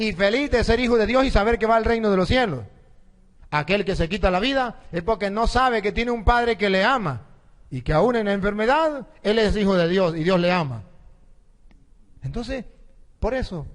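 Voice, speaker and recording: A man's voice: high-pitched, big-room sound. A priest preaching a sermon. He tells stories and keeps asking the congregation questions.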